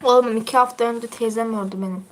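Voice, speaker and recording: A woman's voice: on the high side, fairly even intonation, fast, a little hiss or hum. A teenage girl chatting casually on her livestream, reading out viewer comments in a teasing, chatty way and laughing often.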